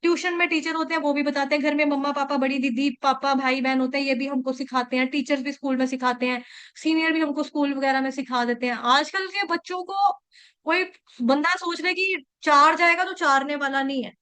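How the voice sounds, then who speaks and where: A woman's voice: sits high, fairly even intonation, a little fast, a bit bright. A young woman giving a devotional scripture talk in a chatty storytelling manner, often checking in with listeners. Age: young adult. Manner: conversational storytelling, frequent checks like "okay" and "right". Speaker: devotional speaker.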